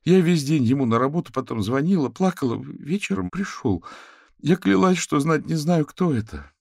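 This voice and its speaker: A male narrator putting on a tearful, worn-out young mother, her voice pushed high and rising in distress. She pleads quickly, words spilling out in a dry, close storybook read. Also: animated, gravelly, no echo. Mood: pleading.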